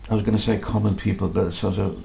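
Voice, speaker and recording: Deep, gravelly and warm, this man's voice has a flat delivery and races along. A composer interviewed in his music room, he speaks in a modest, hesitant way, restarting often during the relaxed conversational interview.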